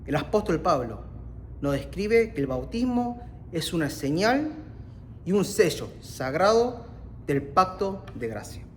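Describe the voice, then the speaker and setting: A man's voice: sits high, very animated, measured pace, slight background noise. A man from Argentina with an Argentine accent, preaching a sermon in an earnest way that rises on key points.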